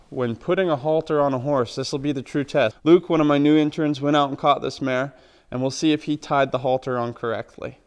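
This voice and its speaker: A man, a horse trainer, calmly explaining knots step by step in a plain, practical way. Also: mid-range voice, clean tone. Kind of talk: instructional demonstration.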